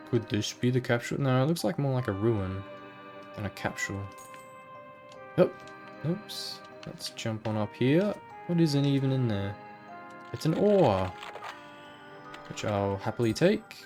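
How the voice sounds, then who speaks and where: A man's voice: medium pitch, a little mellow. A man chatting casually while he plays a video game, musing aloud and reading the game's text. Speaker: let's play gamer. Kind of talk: casual gameplay commentary.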